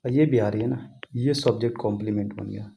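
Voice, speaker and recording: Guy teaching grammar, keeps asking if u follow, warm low-key voice. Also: fairly even intonation, fairly quick, vocal fry, slight background noise. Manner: repetitive, asks students questions, writes on a board. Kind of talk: casual classroom explanation.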